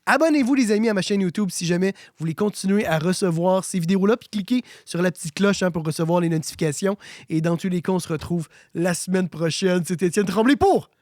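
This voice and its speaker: Raspy Québécois man explaining audio gear. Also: high-pitched, a little fast, a little mellow, no echo, studio quality. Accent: Québécois French. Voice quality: raspy smoker's-like voice from a cold. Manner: colloquial, conversational. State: slightly hoarse with a cold. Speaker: host of an audio tutorial channel. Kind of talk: casual explanatory tutorial.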